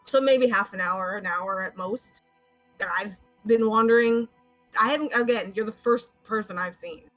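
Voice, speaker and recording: A woman chatting casually and haltingly as a player in a tabletop role-playing game. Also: medium pitch, a bit bright, no room sound, faint music behind, poor audio. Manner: informal, halting. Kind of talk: casual in-character game chat.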